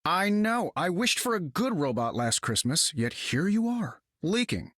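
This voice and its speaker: A man's voice: high voice, sing-song, unhurried, a bit bright, dry recording, clean studio sound, heavily acted. A man voicing a confident, wisecracking inventor superhero in a video game, wry and casual. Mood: sardonic. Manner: wry, casual, self-assured. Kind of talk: video game character acting.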